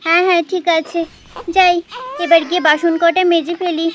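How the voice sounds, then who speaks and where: A woman voicing a bustling village mother doll who scolds and dotes on her children, talking fast and nagging. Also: very high voice, level tone, a bit bright, a little hiss or hum. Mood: fussing. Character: fussy village mother, scolding yet doting. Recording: dull lo-fi sound.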